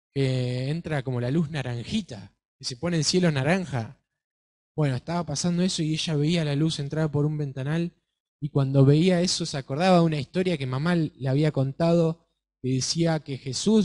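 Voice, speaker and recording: A man with an Argentine accent telling a church story to children, animated and speaking directly to them. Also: a little high. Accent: Argentine Spanish. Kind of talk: Bible-class storytelling to children.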